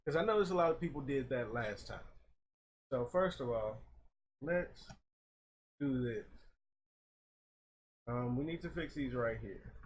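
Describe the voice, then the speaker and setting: A man's voice: medium pitch, lively intonation, a little slow, pauses often. A man giving informal, opinionated gaming commentary, recorded a little far from a makeshift old mic. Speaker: gaming video host. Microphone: makeshift old mic, not close. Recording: far from the mic, background noise.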